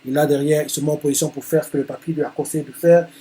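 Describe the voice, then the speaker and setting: A man's voice: a little high, little pitch movement, rapid-fire, warm tone. A man reacting live to a manga chapter, narrating the panels with many hesitant fillers.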